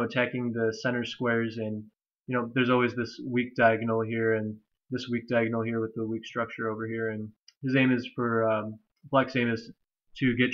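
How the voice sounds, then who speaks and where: A young man with a nasal, stuffy voice from allergies, casually walking through a chess game with many fillers and restarts. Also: medium pitch. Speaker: chess commentator. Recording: slightly dull lo-fi recording.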